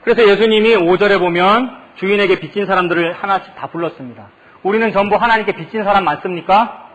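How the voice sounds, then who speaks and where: A man's voice: high-pitched, fast talker, fairly bright tone, dull audio. A male pastor preaching a sermon. He often asks the congregation questions. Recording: long reverb of a church hall.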